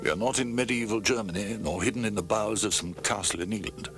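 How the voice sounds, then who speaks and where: A man narrating a documentary in a dramatic, scripted way with slow ominous pauses, heard from an old VHS tape. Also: fairly low pitch, fairly bright tone. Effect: old VHS tape sound. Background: music.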